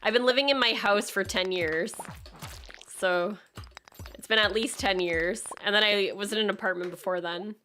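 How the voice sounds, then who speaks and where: Bright-voiced Acadian woman streamer chatting casually. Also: mid-range voice, normal speed, slight background noise. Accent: Acadian Canadian. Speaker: live streamer. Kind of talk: casual chat to stream viewers.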